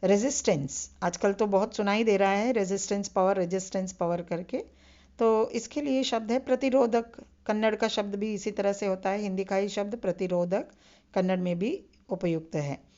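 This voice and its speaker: A woman teaching a vocabulary lesson, pacing herself patiently and going over each key term again. Her voice sits at a middle pitch. The recording sounds a little dull and lo-fi. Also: fairly even intonation, normal speed, mellow. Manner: patient, repeats key terms with reminders to remember. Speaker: Hindi lecturer. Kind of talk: recorded online lecture.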